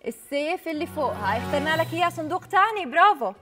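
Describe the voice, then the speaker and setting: A woman's voice: high voice, animated, racing, bright, forceful tone. A young Jordanian-accented woman hosting a live phone-in TV game show, announcing in an upbeat, congratulatory way. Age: young adult. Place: TV studio. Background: background music.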